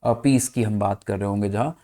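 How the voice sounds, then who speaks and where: A man from India teaching an English vocabulary lesson in Hindi, often checking with his students if things are clear and spelling words out letter by letter. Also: fairly low pitch, moderate pace, warm tone. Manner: addresses students as "bachcha party", checks "clear?".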